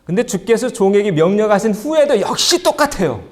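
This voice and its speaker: A pastor voicing a stubborn grown man who whines excuses, in a pleading, defiant way, raising his voice high above his normal tone. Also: big pitch swings, a little fast. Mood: stubbornly whiny.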